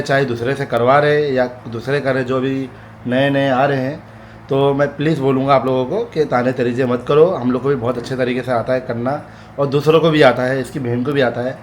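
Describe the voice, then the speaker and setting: A man talks straight to his viewers in a casual home vlog. His tone is firm and pleading, and he circles back over the same warnings. Faint room noise sits behind his mid-pitched voice. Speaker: vlogger. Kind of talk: casual talk to camera.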